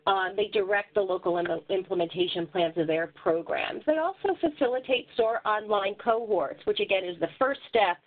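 Lady walking thru slides on a webinar, kinda halting, tinny phone audio. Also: mid-range voice. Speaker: webinar presenter and moderator. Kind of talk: informational slide presentation. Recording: muffled, narrow phone-like line.

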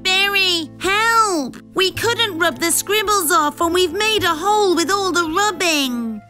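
Woman playing squeaky, begging beetle boy, very high and slow, kids' storybook. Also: lively intonation, sharp tone, soft background music, full character voice. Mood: pleading. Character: mischievous young male stag beetle, now sorry.

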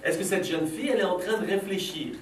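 Speaking quickly in a voice that sits high, a middle-aged man runs a philosophy session for children. He leads Socratic questioning of the class, asking teasing, playful and probing questions in a school classroom. It was captured from a distance in a roomy space with faint background noise.

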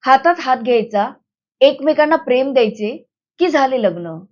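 A woman's voice: high voice, expressive, normal speed, lo-fi sound. A firm, protective village man, as a woman reads him. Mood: firm, tender. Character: strong-willed grown village man, bold and protective.

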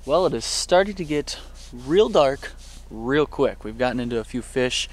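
A young adult man, a camping vlogger, chats upbeat and friendly to the camera from his truck bed tent and campsite outdoors. His medium-pitched voice is animated and moves at a moderate pace, captured on a camera mic.

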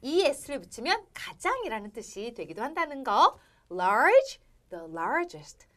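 A woman's voice: high-pitched, huge pitch swings, slow, a bit bright. A woman hosting a television English lesson, playful and laughing often as she keeps speaking straight to the viewers. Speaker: English teacher and host.

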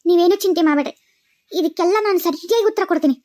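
A woman's voice: very high voice, racing, mellow. A woman with a North Karnataka Kannada accent voicing all the characters of a cartoon family drama in a tearful, pleading way. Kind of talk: emotional cartoon voice acting.

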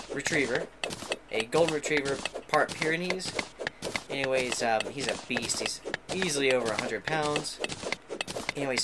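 Chatty man with a lively voice. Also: mid-range voice, very noisy. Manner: chatty, rambling, easily excited. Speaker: gaming channel host. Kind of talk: casual let's-play commentary.

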